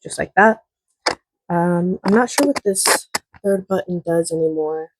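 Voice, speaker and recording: At home, a woman vlogs casually to camera, chatty and rambling with lots of fillers. Her voice is fairly low and unhurried. She records on a small wireless clip-on mic plugged into a phone, and its noise reduction leaves processing artifacts.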